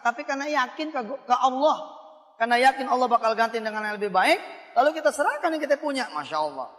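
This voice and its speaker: A preacher delivers an animated sermon, calling out questions to his listeners. His voice sits high and sounds bright and forceful. A long hall reverb trails behind him. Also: fast. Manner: animated, playful, calls out to the audience. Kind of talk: lively sermon to a congregation.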